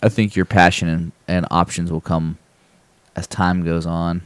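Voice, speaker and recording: A man in a casual podcast chat, telling a relaxed, rambling story with fillers and restarts and acting out other people's lines. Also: deep voice, unhurried, clean tone, dry recording. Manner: acts out people's lines in a raised voice when telling stories. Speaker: podcast host.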